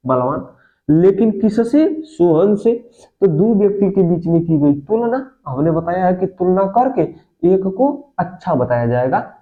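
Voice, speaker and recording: A man's voice: high voice, lively intonation, unhurried. A male teacher giving a grammar lesson, asking questions and answering them himself, repeating key words and calling his listeners friends. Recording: phone-like lo-fi audio.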